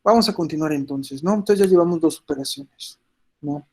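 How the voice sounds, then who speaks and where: Math teacher with a cold. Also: male voice, fairly high pitch, normal speed, darkish tone, slight background noise, poor audio. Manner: explains step by step, constantly checking in with students. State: slight cold with coughing. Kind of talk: recorded class lecture.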